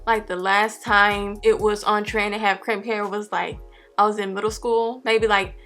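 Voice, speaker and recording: A woman's voice: medium pitch, level tone, moderate pace, fairly bright tone. A woman in her twenties with a slight lisp from wearing a retainer, chatting casually to viewers in a hair tutorial. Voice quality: slight lisp from wearing clear dental aligners. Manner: informal, chatty, talking to viewers as friends. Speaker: beauty vlogger. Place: carpeted bedroom, indoors. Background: music.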